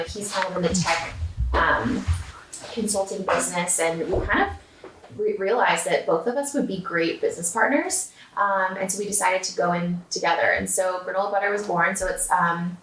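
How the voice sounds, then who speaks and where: A woman's voice: lowish voice, steady tone, moderate pace, noisy background. Woman, 20s, casual interview guest, filler-heavy, echoey room. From San Diego, California. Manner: chatty, with many filler words and "like". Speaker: guest, food company founder. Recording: roomy sound, distant mic.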